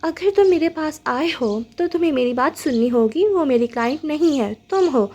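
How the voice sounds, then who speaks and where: A woman voicing a composed woman therapist in a storybook reading, measured and firm as she reasons. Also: high-pitched, expressive, a little mellow.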